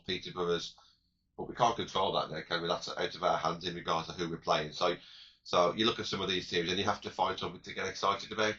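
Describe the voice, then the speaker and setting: A croaky man with a very low voice chats casually as a podcast co-host. He rambles and restarts his sentences, and the sound comes through dull and lo-fi. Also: sharp tone. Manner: rambling, repeats words and restarts, chatty. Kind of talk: casual fan podcast chat.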